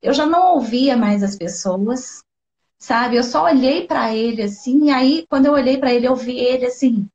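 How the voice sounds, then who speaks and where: A woman's voice: high-pitched, normal speed, a little mellow. Heartfelt Brazilian woman on a dull live stream. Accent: Brazilian Portuguese. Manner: heartfelt, tearful at times, fills speech with "né" and "sabe". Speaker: guest sharing a personal story. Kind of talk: emotional personal storytelling on a live stream.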